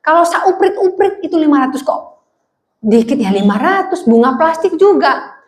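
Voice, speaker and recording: Lively woman pastor preaching in echoey hall. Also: high voice, moderate pace. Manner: lively storytelling, acting out quoted voices. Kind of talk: sermon with humorous anecdote. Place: church hall.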